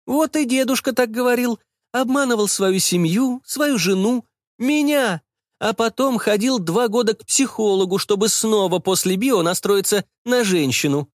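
A man's voice: high voice, moderate pace, no room sound, studio quality, voice pushed up, lightly acted. A man voicing a bossy, meddling middle-aged mother who scolds and fusses over her son. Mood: scolding. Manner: insistent, scolding, fussy.

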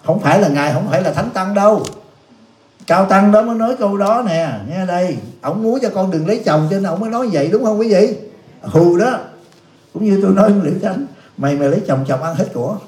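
A male Buddhist monk giving a dharma talk, his voice sitting a little high. He is blunt and scolding, teasing the audience as he answers their questions. The sound rings through an echoey hall. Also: animated, fairly quick, a little mellow. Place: youth center hall.

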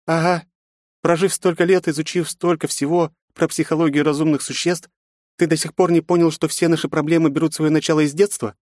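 A sharp-tongued, protective aunt with a raised, biting voice, as a male narrator voices her. She is read from a storybook in a dry, close recording. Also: a little high, flat delivery, a little fast, dry recording, pitched above the performer's own voice, close to an everyday voice. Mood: scolding. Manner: sharp, scolding, mocking. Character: stern, protective woman, the girl's aunt.

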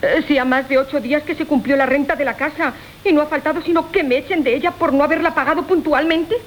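This actress, with a Castilian Spanish accent, plays a cunning, flirtatious mother swindling several lovers for money in a classic Spanish radio comedy. Her high, natural voice moves quickly yet holds a steady tone, flattering and wheedling in a theatrical style. The recording is a hissy radio drama from 1980.

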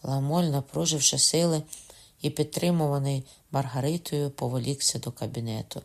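A man narrating a historical novel, his voice mid-pitched with a noticeable gravelly rasp. The reading is steady and measured, in even storytelling rhythm. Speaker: audiobook narrator. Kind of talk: scripted literary narration.

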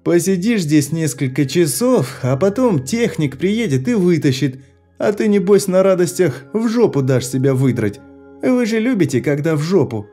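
A man reading an audiobook, voicing a spiteful teenage boy who screams taunts and breaks into a shrill falsetto. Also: sing-song, moderate pace, mellow, faint music behind. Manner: screaming taunts, mocking simpering put-on voice.

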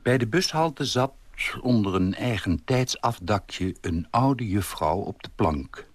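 A man reading a short story aloud in a calm, measured, wry way. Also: fairly low pitch, no echo.

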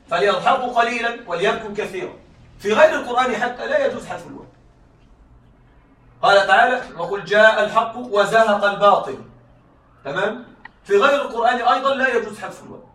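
Male lecturer, high and bright, quizzes the class often, recorded from across an echoey room. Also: recorded from a distance. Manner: keeps checking students follow, repeats key points; reads examples slowly and deliberately. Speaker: teacher.

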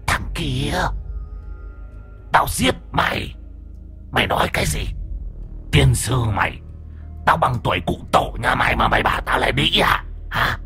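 A man's voice: medium pitch, lively intonation, measured pace, long pauses, sharp tone, soft background music, pitched above the performer's own voice. A man voicing the vicious ghost of an old woman possessing an elderly medium, hissing curses and threats in a half-whisper. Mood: snarling threats. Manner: cursing, threatening.

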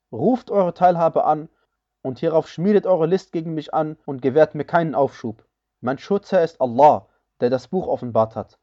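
A man with a fairly high yet mellow, soft-edged voice reads scripture in solemn, measured phrases. The recording is slightly dull and lo-fi, with the top end rolled off. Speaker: reader of a scripture translation.

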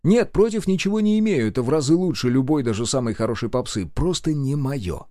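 A man narrating an audiobook, gruff and animated in the dialogue. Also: mid-range voice, a little fast, no echo, clean studio sound.

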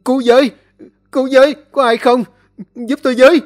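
A man playing a crude, hot-tempered young man who shouts in a hurry. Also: mid-range voice, huge pitch swings, a little fast, husky, heavily acted. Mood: frantic.

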